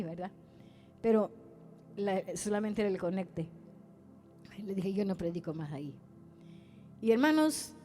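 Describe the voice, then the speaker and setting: A woman evangelist tells a testimony sermon with a fairly high, mellow voice. She acts out the dialogue and keeps calling her listeners brothers. Soft music plays behind her. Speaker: evangelist preacher.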